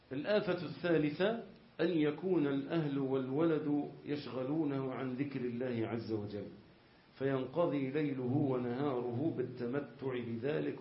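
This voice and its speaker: An Egyptian man teaching a religious lesson at an average pitch. He reads from a classical text and then explains it in plain colloquial speech, asking his listeners rhetorical questions. The recording is roomy and slightly muffled, with a faint hiss underneath.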